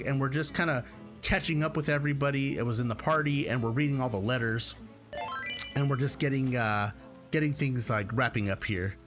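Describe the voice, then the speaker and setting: A man's voice: mid-range voice, a bit bright. A man chatting casually on his game stream, rambling and laughing often. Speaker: gaming streamer. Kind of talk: casual live-stream chat.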